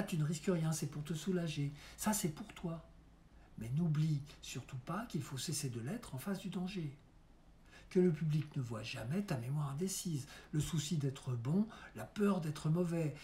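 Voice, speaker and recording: A man voicing an aging theatre mime giving his son final advice, earnest and coaxing in a dramatic monologue reading. He speaks slowly in an unhurried, measured way. The tone is warm and mellow, and he often drops into soft, hushed asides. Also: a little high, a little hiss or hum.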